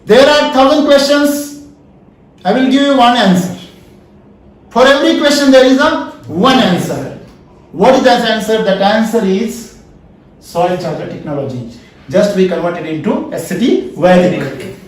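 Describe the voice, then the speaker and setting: A man whose voice sits high speaks a little slowly, recorded from a distance in an echoey room. With an Indian English accent, this founder lectures at a farming seminar, repeating points and asking the audience "yes or no?" over and over.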